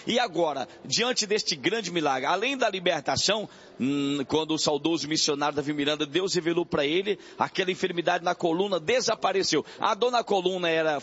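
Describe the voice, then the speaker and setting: A man hosts a religious radio show, speaking in a preachy, emphatic way as he addresses the listeners. His voice sits a little higher than most men's. The sound is dull and lo-fi. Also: a bit bright, slightly rough. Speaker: religious radio program host. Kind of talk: radio interview.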